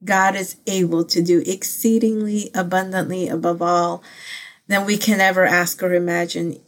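On her channel, this vlog host talks about her faith in a casual, personal, earnest way, rambling through lots of fillers and restarts. She's a Philippine-born woman whose first languages are Pangasinan and Ilocano. Her lowish voice keeps a steady tone at a moderate pace.

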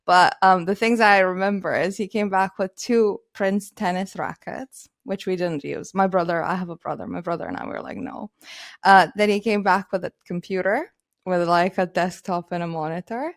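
A woman's voice: lowish voice, moderate pace, dry recording, studio quality. A woman in her thirties from Romania, chatting as an interview guest with many fillers and frequent laughs. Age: 30s. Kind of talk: casual interview.

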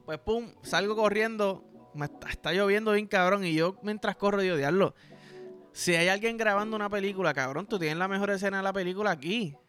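A young Puerto Rican man hosting a podcast, telling a crude, animated story and acting out the dialogue. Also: sits high, fairly quick, faint music behind. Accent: Puerto Rican Spanish. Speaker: podcast host. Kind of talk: casual storytelling.

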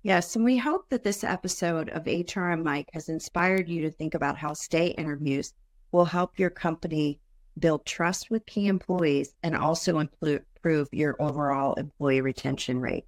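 Low-voiced woman presenting a podcast. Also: moderate pace. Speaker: podcast host.

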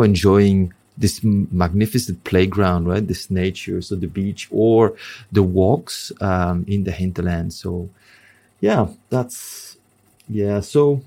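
Deep-voiced guy from congo chatting as a guest, lots of ums and restarts. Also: warm tone. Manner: rambling, many fillers and restarts. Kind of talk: casual interview chat.

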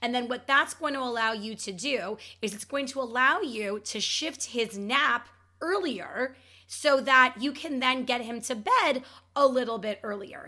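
A woman's voice: fairly high pitch, bright, forceful tone. A woman hosting an advice podcast in an upbeat, instructive manner, stressing key words as she goes. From Ontario, Canada. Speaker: podcast host and child sleep coach.

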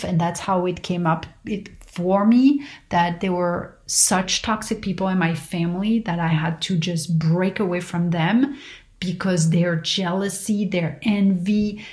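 Slow, serene woman with guru-like pauses. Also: on the low side, darkish tone. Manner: serene, guru-like, deliberate pauses between short phrases; addresses listeners directly as friends. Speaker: host sharing personal reflections. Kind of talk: motivational spiritual talk.

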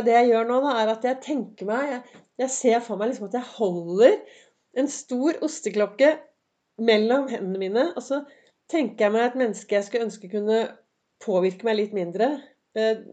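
A woman hosting a podcast in a chatty, encouraging motivational monologue, her voice slightly hoarse and her throat often cleared, with many fillers. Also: fairly high pitch, warm tone. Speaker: podcast host. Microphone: semi-pro recording setup.

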